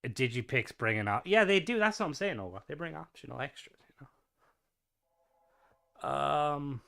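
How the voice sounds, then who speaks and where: A man with a fairly high-pitched, sharp voice and vocal fry hosts a live game stream, animated and at a moderate pace. He chats casually and playfully, rambling with lots of fillers as he tours and rates builds, while faint game music plays behind him.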